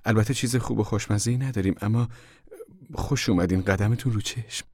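A man reading an audiobook, voicing a wary, proud migrant mother in a soft, guarded voice. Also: fairly low pitch, no room sound, clean studio sound, pitched above the performer's own voice. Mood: guarded warmth. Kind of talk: audiobook character voice.

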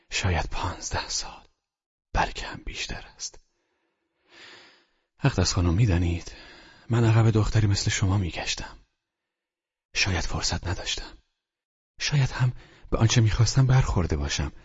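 Voicing a calm older doctor for a storybook reading, a man speaks in a very deep, husky hush that keeps dropping to a whisper. The sound quality is dull and lo-fi.

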